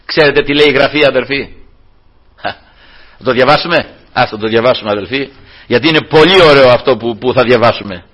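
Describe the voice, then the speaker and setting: A man's voice: medium pitch, fairly bright tone, slightly rough. A male preacher delivering a sermon, retelling a Bible story with rhetorical questions and calling his listeners brothers. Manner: addresses listeners as brothers, rhetorical questions, voices characters in quotes.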